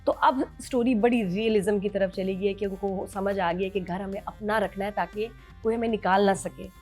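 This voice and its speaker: A woman on a drama review panel, chatting in an animated, playful way. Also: mid-range voice, moderate pace, soft background music. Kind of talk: casual panel chat.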